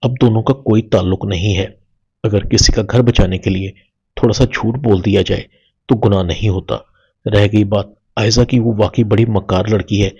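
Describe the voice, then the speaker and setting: A man reading the firm, advising lines of a protective mother, with a husky low voice. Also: steady tone, a little mellow, highs cut off.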